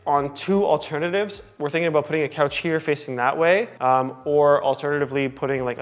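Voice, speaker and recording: A young man, casually talking through a tour of his loft apartment in a relaxed way, with lots of filler words. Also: medium pitch. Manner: chatty, relaxed, full of "like" and "um" fillers. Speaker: vlogger giving a home tour. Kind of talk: casual home tour talk. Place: large loft apartment indoors.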